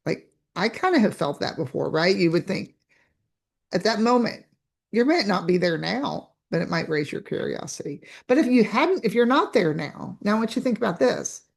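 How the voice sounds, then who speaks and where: A woman's voice: mid-range voice, sing-song, normal speed, gravelly. A woman coach teaching a live online training, chatty, asking rhetorical questions and restarting her phrases. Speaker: business coach.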